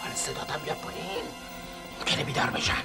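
An actor playing an old friend who sneaks in to free a captive, speaking urgently and sometimes hushed, in a TV crime drama. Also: male voice, fairly high pitch, big pitch swings, loud music behind the voice. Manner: urgent, pleading, hushed at times. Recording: drama score under the voice.

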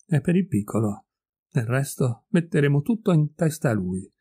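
A man's voice: on the high side, big pitch swings, moderate pace, warm tone, slightly rough. A man voicing a young woman, anxious and grieving, who pleads emotionally in a story reading. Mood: pleading.

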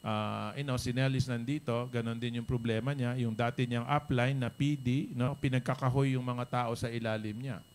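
A man's voice: mid-range voice, moderate pace, few pauses, slight background noise. A man giving a motivational talk to his business members, mixing in rhetorical "no?" and "right?" asides. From Philippines. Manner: animated, code-switching, rhetorical "no?" and "tama?" asides. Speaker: business leader speaking to members.

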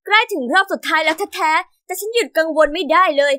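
A young woman giving scripted first-person narration of an animated story, earnest and close to the mic. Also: extremely high pitch, quick pace, no echo.

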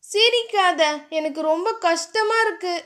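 A woman voicing an innocent, childlike young woman who talks softly and pleads sweetly. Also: very high voice, measured pace. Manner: soft, sleepy, pleading tone.

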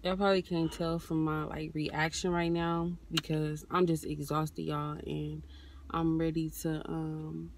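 A woman's voice: sits low, little pitch movement, a little slow, slight background noise. Chatty woman vlogging from her car. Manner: chatty, keeps addressing viewers as y'all. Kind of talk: casual vlog chat. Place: in and around a car on a hot day.

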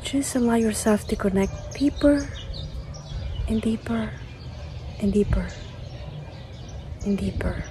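Slow-speaking woman guiding an outdoor meditation. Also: medium pitch. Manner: slow, gentle, soothing, with repetition and long pauses. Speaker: meditation guide. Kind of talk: guided meditation with chanted invented syllables. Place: outdoors in a garden among trees. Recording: outdoor ambient noise with chirping birds.

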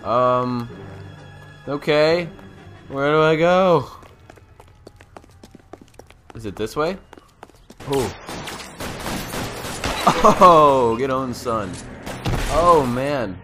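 Over game music and vehicle sounds, a man narrates a video game walkthrough with casual, slangy, playful commentary, exclaiming and swearing now and then. His medium-pitched voice is animated, pushed and bright, drawing out words and pausing often.

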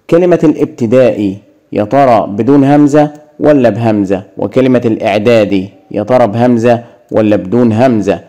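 A man's voice: medium pitch, mellow. A man teaching an Arabic grammar lesson in an Egyptian accent, asking questions and answering them himself.

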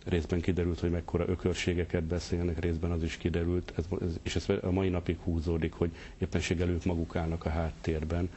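A man's voice: deep voice, completely flat delivery, few pauses, mellow, slightly rough. A man interviewing a guest on television, asking pointed, skeptical questions. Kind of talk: probing TV interview.

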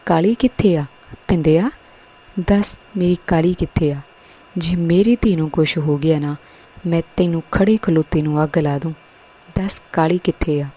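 A woman voicing a desperate mother shouting for her missing daughter. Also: deep voice, normal speed, husky, rough recording. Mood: frantic.

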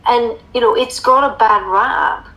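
American lady in her 50s, lots of vocal fry, emphatic, chatting as interview guest. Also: a little high, measured pace, pushed and bright, rough recording. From United States. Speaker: interview guest, eating coach. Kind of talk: casual conversational interview.

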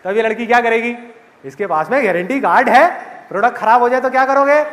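A man's voice: very high-pitched, quick pace, a bit bright, long reverb tail. A man giving a conversational motivational talk to a live audience, often putting questions to the listeners. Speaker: motivational speaker. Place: large hall with audience.

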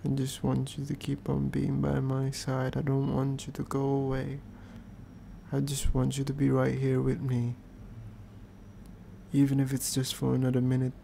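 A man's voice: mid-range voice, monotone, normal speed, vocal fry, dark tone, slight background noise. A British man doing an ASMR role-play as a needy, clingy, playful boyfriend, speaking in an intimate, affectionate, pleading way. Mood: tender, pleading.

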